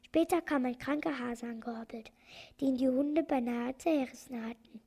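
A woman reading a children's storybook aloud in an expressive, lilting manner. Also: high voice, moderate pace, slightly rough. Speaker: narrator.

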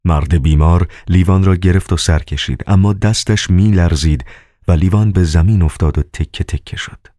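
A man narrating a novel as an audiobook in a measured, calm way. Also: sits low, no room sound, studio quality.

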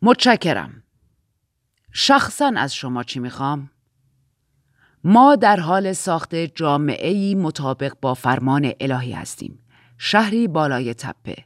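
A woman's voice: low-pitched, no room sound, clean studio sound. Woman reading as a cold, lecturing male commander. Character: stern middle-aged male regime commander, cold and lecturing. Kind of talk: audiobook character reading.

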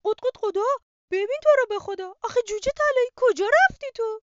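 A woman voicing a fussy mother hen in a children's story, clucking loudly and shrilly. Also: extremely high pitch, animated, no echo, lo-fi sound, pitched above the performer's own voice. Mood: frantic.

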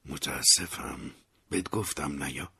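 A man voicing a weak, dying elderly father in an audiobook, speaking in a faint, hoarse, breathy whisper and short of breath. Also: extremely low pitch, sharp tone, pitched below the performer's own voice, full character voice. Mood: weary. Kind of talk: audiobook character voice.

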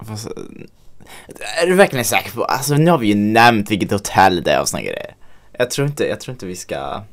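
Lively, expressive man chatting. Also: lowish voice. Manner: laughing, lively retelling with quoted voices. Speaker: hotel breakfast worker. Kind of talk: casual chat.

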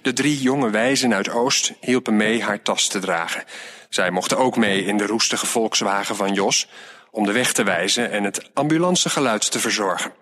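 A man reading a children's story aloud in a lively, plainspoken way. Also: on the low side, normal speed.

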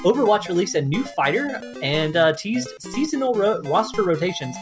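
Deadpan man reading gaming news. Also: high voice, moderate pace, over music. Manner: deadpan, sarcastic. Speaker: podcast co-host reading news. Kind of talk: news rundown with sarcastic asides.

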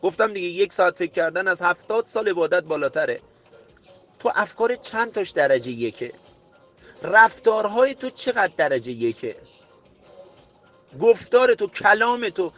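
A man hosting a motivational podcast, preaching emphatically to his listener and rising to near-shouts. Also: sits high, expressive, soft background music. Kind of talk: motivational monologue.

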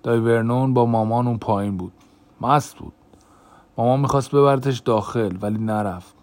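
A man voicing a brooding adult man who bluntly reveals a dark family secret, in a tense, raised voice, in an audiobook. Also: medium pitch, lightly acted.

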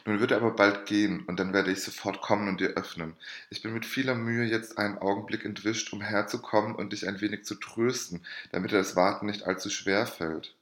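A man's voice: lowish voice, steady tone, fairly quick, few pauses, fairly bright tone, echoey room, close to an everyday voice. A man reading aloud and voicing a scheming, mocking noblewoman who speaks with feigned sweet sympathy. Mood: mock concern.

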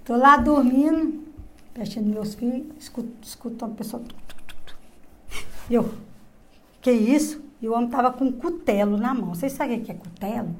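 A woman's voice: on the high side, a little fast, pauses often. A middle-aged woman telling a personal story in casual talk, acting out voices and dropping to whispers. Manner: animated, acts out quoted voices, drops to whispers. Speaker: guest telling her story.

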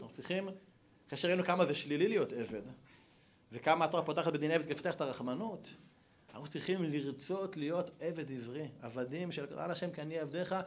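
A male rabbi giving a Torah talk at a gathering, telling stories in an animated way. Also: a little high. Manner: animated storytelling, acts out voices.

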